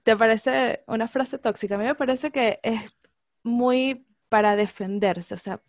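Give me a lively woman in casual chat, slightly high-pitched, with a dry, close sound. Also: unhurried, dry recording. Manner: lively, slangy, laughs often, acts out quotes.

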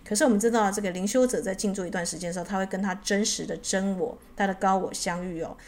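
A woman telling a story and adding spiritual commentary, trailing her sentences with drawn-out particles. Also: medium pitch, fairly even intonation, darkish tone.

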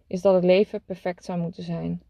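A woman's voice: fairly low pitch, little pitch movement, fairly quick, gravelly, muffled recording. A woman doing a cake-loving little mole. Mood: earnest. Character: cheerful small mole who loves cake.

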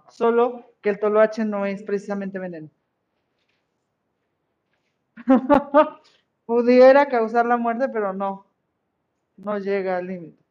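A woman's voice: a little high, darkish tone, dull audio. A woman teaching an online class, encouraging her pupils and checking in with them often.

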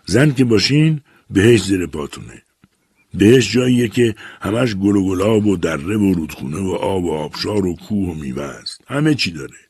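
A man's voice: low voice, animated, a little mellow, slightly rough, no echo, studio quality, full character voice. A man voicing a bitter, weary father abandoned by his wife, speaking in a brooding lament in an audiobook story. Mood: tender.

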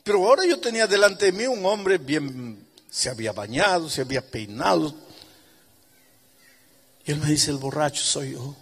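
A male pastor telling a story in his sermon with animated, emphatic delivery. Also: on the high side, normal speed, pauses often, husky.

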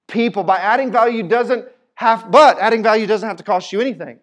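A man preaching a sermon as pastor, telling stories in a lively, animated way with casual Southern phrasing. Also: sits high, a little fast. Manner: animated storytelling, Southern speech. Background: congregation responses.

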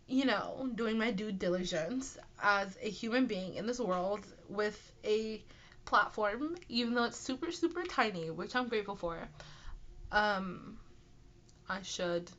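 A woman's voice: medium pitch, fairly bright tone, lo-fi sound. A young adult woman with a nasal, stuffed-up voice from being sick, chatting casually and apologetically as she hosts a rambling, self-deprecating solo show. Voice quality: nasal, congested. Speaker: podcast host and aspiring author. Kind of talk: casual solo chat answering listener questions.

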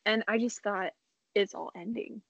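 A woman's voice: mid-range voice, moderate pace, breathy edge, no room sound. A young woman in her twenties co-hosting a casual podcast, telling stories and acting out her own past remarks. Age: 20s. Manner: animated storyteller who acts out her own past remarks. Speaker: co-host. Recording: dull lo-fi internet call audio.

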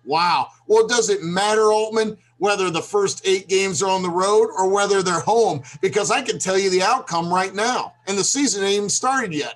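Fired-up ranting man, high voice. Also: a bit bright. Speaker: segment host. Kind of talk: ranting sports talk.

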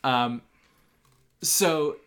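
A man's voice: medium pitch, very slow, fairly bright tone. A man co-hosting a podcast, recapping a film series in casual chat, rambling with many ums and restarts. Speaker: podcast co-host.

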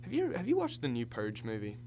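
A man's voice: mid-range voice, fairly quick, slight background noise. A young man in casual podcast chat, telling stories animatedly and acting out the people he quotes. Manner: animated storyteller who acts out quoted voices.

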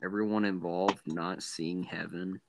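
A man's voice: deep voice, flat delivery, unhurried, vocal fry, heavy background noise. A man co-hosting a casual podcast, laid-back and joking as he chats. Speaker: podcast co-host.

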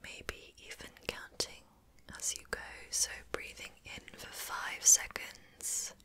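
In a gentle ASMR relaxation session, the female host whispers breathily and softly, keeping her guidance calm, soothing and unhurried.

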